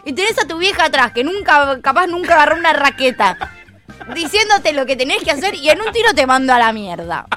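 A woman's voice: sits high, sing-song, a little fast, pushed and bright, soft background music. A woman with an Argentine Spanish accent co-hosting a casual chat show, blunt and full of slang. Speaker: co-host.

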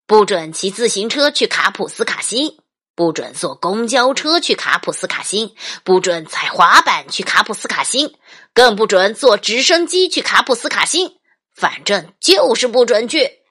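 A woman's voice: a little high, wildly swooping pitch, drawn-out words, pauses often, slightly rough, pitched above the performer's own voice, heavily acted. A woman playing an alarmed, scolding father in a children's story, with emphatic exclamations.

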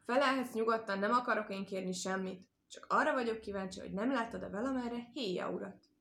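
A woman voicing a clever, teasing male hare in a storybook tale, in a light, lively way. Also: mid-range voice, creaky. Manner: teasing, cheeky.

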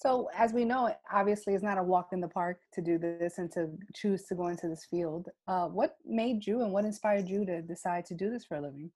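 Mellow-voiced woman hosting a podcast. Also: fairly low pitch, brisk, hardly any pauses. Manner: welcoming, chatty interviewer. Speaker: podcast host. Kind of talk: podcast conversation.

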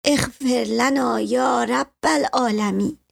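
A woman voicing a grieving, devout old village woman with a hoarse voice. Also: on the high side, pitched above the performer's own voice.

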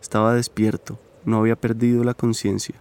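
A man narrating a documentary podcast from a script, in a measured, even way. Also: fairly low pitch, clean tone.

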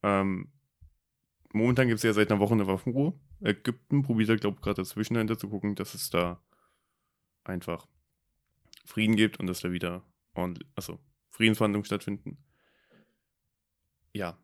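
A young German man of about 20 co-hosts a podcast, talking through a casual discussion in a reflective, hesitant way with lots of fillers. His voice is on the low side and steady, at a moderate pace with long pauses.

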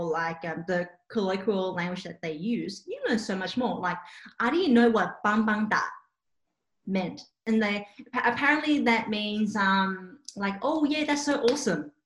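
An unhurried young woman of medium pitch, an Australian interpreting student who grew up with Cantonese, chats casually and tells lively stories with lots of fillers. There is a roomy echo on the recording.

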